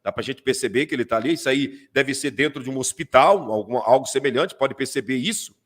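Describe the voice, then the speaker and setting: A man with a Brazilian Portuguese accent, a pastor commenting on video clips during a live stream, animated and full of repeated fillers. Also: medium pitch, fast.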